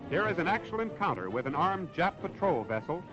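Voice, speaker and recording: A man's voice: on the high side, very animated, brisk, dull audio. A man narrating a 1940s newsreel in a dramatic, declamatory manner, heard on an old newsreel recording. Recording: old newsreel soundtrack with loud music.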